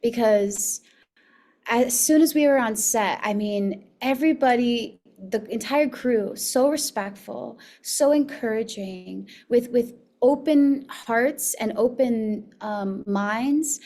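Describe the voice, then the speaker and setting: A woman's voice: on the high side, slow pace, dark tone. A young woman from Miami, an actress guest chatting casually in an interview, filling her talk with likes and laughs. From Miami, United States. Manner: chatty, laughs often, many fillers.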